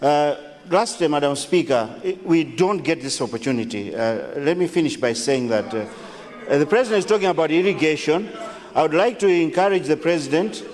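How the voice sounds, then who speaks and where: A man with a Malawian accent making a formal, deferential and somewhat halting address as a member of parliament. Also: fairly high pitch, animated, a little mellow. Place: large indoor parliamentary chamber. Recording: echoing chamber hall.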